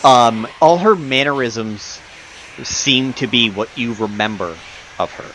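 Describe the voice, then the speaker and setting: A man running a tabletop game as game master, improvising narration and pausing to search for words. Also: mid-range voice, fairly bright tone, low-quality recording. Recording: clear background noise.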